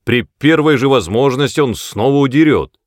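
A man reading an audiobook, voicing a gruff, hot-tempered father who barks orders loudly. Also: medium pitch, lively intonation, moderate pace, dry recording, studio quality, pitched above the performer's own voice, natural voice. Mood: dismissive. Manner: loud, bossy shouting.

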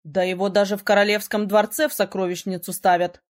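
Woman voicing a sharp-tongued young mage. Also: medium pitch, little pitch movement, fairly quick, natural voice. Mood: explaining. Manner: teasing, then gruff and commanding. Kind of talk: audiobook character reading.

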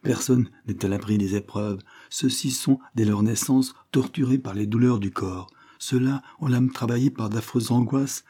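A man reading aloud and voicing a kindly, pious older lady with a soft, consoling manner. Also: mid-range voice, normal speed, hardly any pauses, natural voice.

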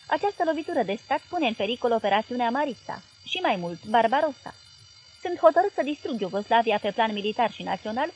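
A woman's voice: a little high, close to an everyday voice, poor audio. Woman voicing a raging male dictator. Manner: shouting, sarcastic outbursts. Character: furious male dictator, volatile and menacing.

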